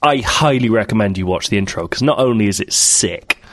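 A man's voice: on the low side, lively intonation, a little fast, a bit bright, no echo. A man co-hosting a comedy podcast, reading news stories aloud and riffing on them with frequent laughter. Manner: riffing, laughs often, mock-dramatic readings. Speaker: podcast co-host.

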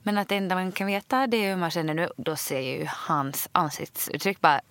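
A Swedish woman co-hosting a podcast, telling a story in a lively, chatty way and acting out what each person said. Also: fairly low pitch, no room sound. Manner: animated storyteller, acts out both sides of dialogue. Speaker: podcast co-host. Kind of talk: casual chat.

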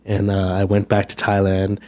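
Speaking at a moderate pace with a completely flat delivery, an American restaurant owner chats as a guest in a casual interview. His voice is low and darkish, and he often restarts and repeats words.

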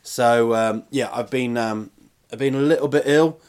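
A touring comedian in his forties hosts a solo podcast, casual and meandering, hesitant, self-deprecating and prone to swearing. He has a steady, mid-range, slightly mellow voice at a moderate pace.

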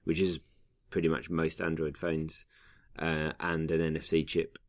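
Deep-voiced man hosting a podcast. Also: monotone, unhurried. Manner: explains news in long loose runs, acts out quotes. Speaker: podcast host. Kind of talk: casual tech podcast chat.

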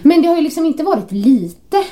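A woman co-hosting a casual podcast, telling a long story with lively acted-out quotes. Her voice sits a little high, and she keeps a chatty, animated flow. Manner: animated storyteller, acts out quoted texts and calls. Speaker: podcast co-host. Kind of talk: casual chat.

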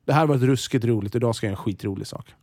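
A man in his forties in a casual interview, telling animated stories, swearing freely and restarting his sentences. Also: medium pitch, no echo, studio quality. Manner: lively storyteller, swears freely, frequent restarts. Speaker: TV host and interviewee.

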